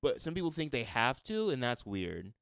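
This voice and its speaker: A man's voice: medium pitch, big pitch swings, moderate pace, creaky, a bit bright, smooth, no room sound, clean studio sound. A young man co-hosting a podcast in casual chat, earnest and rambling, often correcting himself mid-sentence. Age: young adult. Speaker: podcast co-host.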